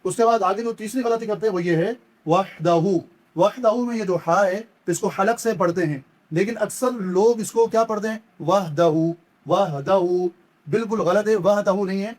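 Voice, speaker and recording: A man teaching correct pronunciation in a religious lesson. He explains each mistake patiently and repetitively, then chants the words slowly and stretches them out. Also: high voice, a little mellow. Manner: corrects errors, then demonstrates slow, drawn-out chanted recitation. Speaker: Quran recitation teacher.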